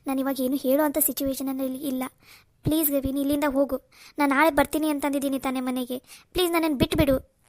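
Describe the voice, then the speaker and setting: A distraught young woman in a cartoon, voiced by a woman, pleading through tears. Her voice is high and fairly flat in tune, and her words come quickly in a dry, close sound. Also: no echo, close to an everyday voice. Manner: pleading, tearful. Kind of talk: Kannada cartoon voice acting.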